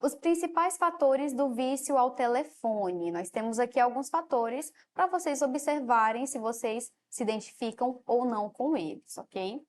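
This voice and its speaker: A woman with a Brazilian Portuguese accent teaches a televised lesson in a fairly high voice. She explains step by step and keeps checking in with her students through a quieter "ok?" at the end of her phrases. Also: normal speed, few pauses. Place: studio.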